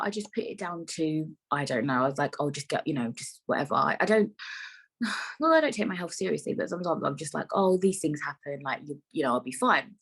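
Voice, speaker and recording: A young woman hosts her own podcast and chats in a loose, rambling way, talking straight to her listeners. Her voice sits low, with a husky, breathy edge. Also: rough recording. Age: 20s. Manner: chatty, rambling, full of "like" and asides to listeners. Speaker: podcast host. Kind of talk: casual solo podcast chat.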